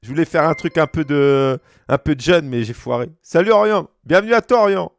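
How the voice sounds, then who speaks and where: A man's voice: a little high, fairly quick, gravelly, dry recording, clean studio sound. A man in his thirties from France, streaming a football game and bantering with his chat in slangy, joking asides. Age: 30s. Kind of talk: casual gaming stream chat.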